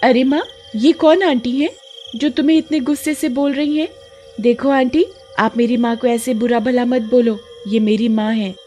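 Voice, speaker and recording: A woman's voice: fairly even intonation, normal speed, warm tone, faint music behind, close to an everyday voice. A woman voicing an earnest young village girl in a cartoon story, pleading and questioning. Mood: protective. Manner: high, pleading, insistent questioning.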